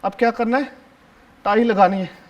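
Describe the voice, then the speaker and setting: A man's voice: high-pitched, moderate pace, highs cut off, lightly acted. A male actor performing a one-man stage play as a talkative seventh-grade schoolboy who bosses his classmates and fawns over his teacher. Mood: chatty. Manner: bossy, chatty, keeps hushing and ordering classmates; fawning toward the teacher, repeats "sir" constantly. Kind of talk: live solo stage acting, addressing the audience.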